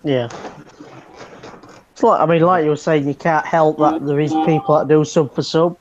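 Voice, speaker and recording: A man's voice: on the high side, fairly even intonation, moderate pace, background noise. Joking Yorkshire man on dull audio. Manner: agreeable, joking. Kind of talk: casual live stream chat.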